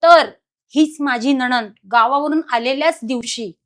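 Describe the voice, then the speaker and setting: A woman guest telling a personal haunting story in an animated, dramatic way. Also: sits high, a little slow. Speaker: podcast guest.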